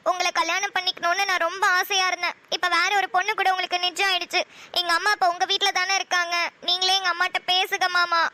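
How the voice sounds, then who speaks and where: A woman's voice: very high voice, flat delivery, quick pace, sharp tone. A woman voicing a lovesick young woman pleading on the phone in a cartoon. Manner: pleading, insistent. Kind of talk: cartoon voice acting.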